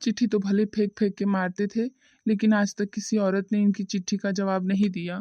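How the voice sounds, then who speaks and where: A woman's voice: mid-range voice, little pitch movement, brisk, warm tone, dry recording, close to an everyday voice. A gossipy middle-aged village uncle, voiced by a woman, rambles on tactlessly in this cartoon. The audio is muffled and dry. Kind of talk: cartoon voice acting.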